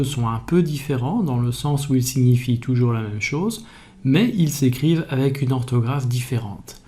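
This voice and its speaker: A man calmly explaining spelling in a video lesson, methodical and even. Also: medium pitch. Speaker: French language teacher.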